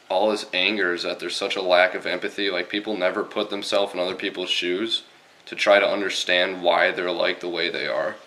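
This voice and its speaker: A man's voice: low-pitched, bright, forceful tone. A young man ranting casually to camera, exasperated and swearing a lot, with many fillers. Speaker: vlogger.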